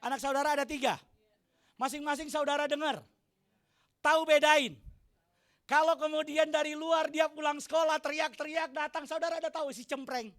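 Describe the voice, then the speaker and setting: High, bright-voiced male pastor preaching. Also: steady tone, normal speed. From Indonesia. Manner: preaching to a congregation, often shouting for emphasis; asks the congregation questions and jokes with them. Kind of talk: sermon. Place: church hall.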